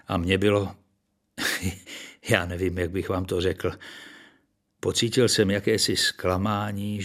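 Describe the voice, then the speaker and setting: A man's voice: low-pitched, fairly bright tone, breathy edge. A man reading a story aloud in a dry, ironic storytelling manner.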